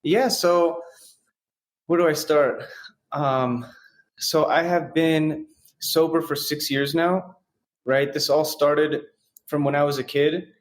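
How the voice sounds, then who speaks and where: A young man from San Francisco, a podcast guest, tells his life story in a plain, matter-of-fact way and starts many sentences with "so". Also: on the high side. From San Francisco, United States. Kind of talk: casual interview storytelling.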